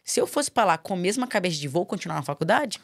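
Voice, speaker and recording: A woman's voice: fairly low pitch, sing-song, fast talker, gravelly, dry recording, clean studio sound. A young Brazilian woman from Espírito Santo, a guest on a podcast, telling her story earnestly and animatedly, with frequent tag questions. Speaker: podcast guest, MMA fighter. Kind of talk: casual storytelling interview.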